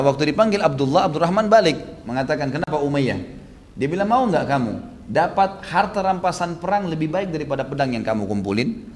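A man preaching a sermon in a casual storytelling way, acting out the quoted lines with a raised voice and dropping back after each. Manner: lively, acts out quoted lines with raised pitch; casual with frequent tag phrases. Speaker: Islamic preacher.

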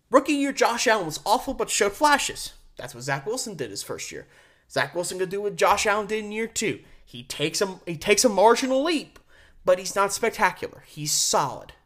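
Emphatic and opinionated, a male host delivers solo sports commentary on his podcast. His pitch range is very lively and swinging, and he elongates key words for stress.

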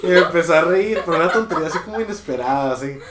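A woman's voice: fairly low pitch, lively intonation, racing, a loud crowd. A woman telling stories in a laid-back way with slang, in casual chat. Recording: echoey room with music behind.

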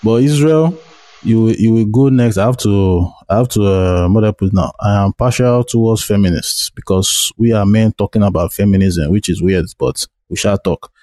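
A man's voice: fairly low pitch, moderate pace, dark tone, no echo. A man moderating a group discussion, hesitant and searching for words.

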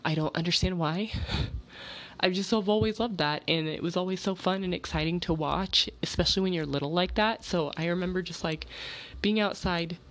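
A woman hosting a casual solo storytelling podcast in an informal, rambling, slangy way, a little sick, with vocal fry in her voice. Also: fairly low pitch, a little fast. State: slightly sick. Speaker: podcast host.

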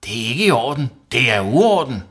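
A man reading a storybook and voicing an angry mother who shouts and scolds her son. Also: fairly low pitch, animated, breathy edge, voice pushed up.

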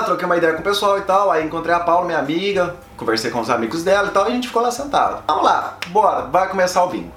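A young Brazilian man with a Brazilian Portuguese accent tells a story in a casual, animated way, acting out each line of dialogue. His voice sits fairly high for a man and jumps all over in pitch as he talks fast. The sound is roomy and echoey.

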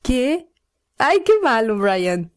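A woman's voice: on the high side, very animated, extremely slow, smooth. A woman from Mexico, playing the student in a scripted English lesson and repeating phrases playfully. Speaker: co-host and student.

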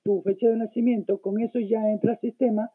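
A man's voice: high voice, flat delivery, fairly quick, husky, no room sound. A man ranting scornfully in a heated call-in chat. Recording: tinny phone line, dry.

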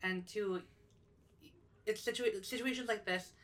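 A woman's voice: medium pitch, measured pace, fairly bright tone, far from the mic. A young woman co-hosting a casual podcast, talking thoughtfully with lots of fillers and restarts. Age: young adult. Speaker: podcast co-host.

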